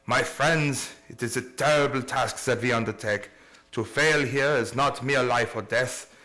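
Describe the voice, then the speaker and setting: A man with a mid-range voice, a little slow, pushed and bright, plays a grave, learned vampire-hunting professor in an old-time radio play. He delivers solemn, formal oratory in a grave, resolute mood.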